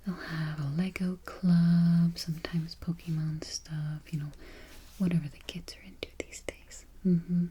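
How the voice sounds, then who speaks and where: A woman in a whispered role-play as a friendly, patient librarian, speaking in a breathy library whisper with gentle, reassuring murmurs. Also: fairly low pitch, little pitch movement, measured pace. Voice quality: whispered, breathy, soft-spoken. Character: friendly, patient small-town female librarian registering a patron. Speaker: ASMR performer. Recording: noisy close recording, keyboard clicking.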